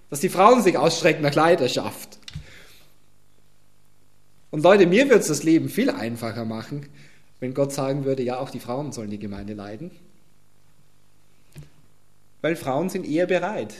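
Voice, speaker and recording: A pastor preaching, expounding a Bible passage and speaking directly to his congregation. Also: a little high. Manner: addresses congregation directly, emphatic Bible exposition. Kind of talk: sermon.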